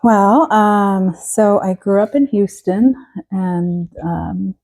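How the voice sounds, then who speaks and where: A woman in her forties from Texas, a guest telling her story in a relaxed interview, pausing often and restarting. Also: medium pitch, low-quality recording. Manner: hesitant, many fillers and restarts. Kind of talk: casual interview.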